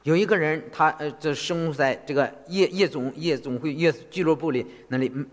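A man interpreting a sermon phrase by phrase in an animated way. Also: fairly high pitch, fairly quick. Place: church hall. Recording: long reverb of a church hall.

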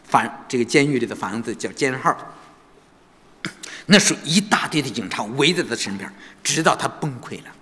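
A man's voice: mid-range voice, animated, a little fast, pushed and bright. A man preaching a sermon, telling a story and constantly asking his listeners rhetorical questions. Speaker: pastor. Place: church sanctuary. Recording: long church reverb.

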